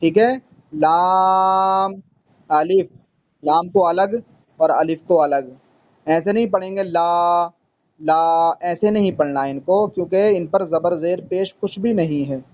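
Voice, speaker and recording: A man's voice: high-pitched, normal speed, narrow, tinny audio. A man teaching a student to read Arabic letters, patient and repetitive, often calling the student son. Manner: patient, repeats points, calls the student son. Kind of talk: one-on-one lesson.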